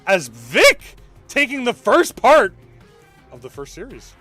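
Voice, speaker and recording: A young man calls a live esports match as a streamer, his voice sitting high and swinging up and down with each play. He breaks off now and then to answer chat, with faint music playing under him. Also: slow pace. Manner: excitable, reacts to chat between calls.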